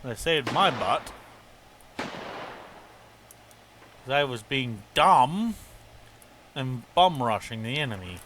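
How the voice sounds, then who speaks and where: A man giving excitable, casual commentary while playing a game, often chuckling to himself, with a noisy recording. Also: medium pitch, takes it slowly, pauses often. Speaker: gameplay commentator. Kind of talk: casual let's-play commentary.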